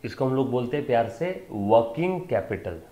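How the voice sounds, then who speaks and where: A man's voice: mid-range voice, expressive, moderate pace, mellow, reverberant. A man teaching a commerce lecture online, coaxing his students and checking that they follow, mixing in English terms. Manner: mixes Hindi with English terms.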